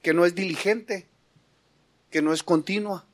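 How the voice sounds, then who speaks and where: A man's voice: high voice, fairly even intonation, measured pace. A man preaching a sermon, firing rhetorical questions at the congregation and calling them brother, building to emphatic passages. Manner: rises to emphatic, louder preaching.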